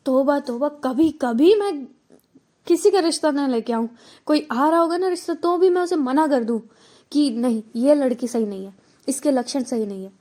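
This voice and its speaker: A woman's voice: high-pitched, warm tone, natural voice. A woman playing a scandalized older teacher. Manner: scandalized, chattering. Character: older female teacher, gossipy matchmaker. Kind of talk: storytelling role-play.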